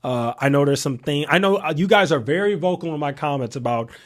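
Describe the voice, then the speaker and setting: A man's voice: a little high, animated, a little fast. A thirty-year-old man giving casual political commentary to his viewers, emphatic and full of rhetorical questions, often repeating himself. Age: 30s. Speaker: commentary channel host.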